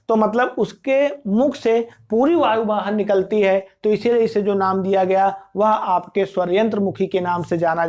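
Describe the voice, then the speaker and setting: Male teacher for an online exam-prep lecture. Poses rhetorical questions and answers them himself, and sounds out examples slowly and with care. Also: high voice, darkish tone. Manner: asks and answers his own questions; repeats words slowly to show how they sound.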